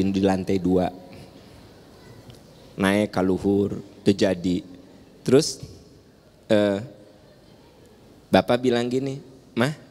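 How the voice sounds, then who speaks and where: A man with a Sundanese accent giving a playful, teasing sermon in a large mosque, joking with the audience and asking them questions. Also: mid-range voice. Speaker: preacher. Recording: long hall reverb in a large mosque.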